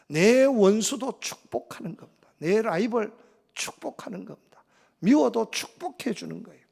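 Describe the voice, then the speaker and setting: A man's voice: high-pitched, gravelly, a little mellow. A male pastor preaching a sermon, emphatic, with repeated phrases and rhetorical questions.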